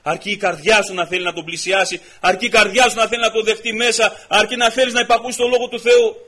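A man preaching a testimony sermon to his congregation, fervent and building up into loud, repeated exhortations. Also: high voice, fairly even intonation. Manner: peppers stories with repeated "I say".

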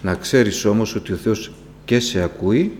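In a recording with a long reverb tail and faint hum, a man with a somewhat mellow voice preaches fervently to his flock. His delivery spikes suddenly in loudness and pitch, full of rhetorical questions and direct address.

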